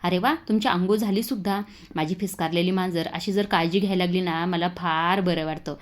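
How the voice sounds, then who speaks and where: A woman's voice: lowish voice, steady tone, brisk, close to an everyday voice. Woman reading as a flustered young husband. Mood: teasing. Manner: fumbling, stammering replies.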